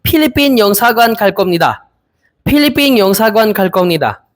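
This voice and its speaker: A young man in his twenties from the Philippines, practicing Korean interview answers aloud, hesitant and repeating each phrase slowly. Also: high voice, expressive. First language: Filipino. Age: 20s. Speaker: Korean language learner.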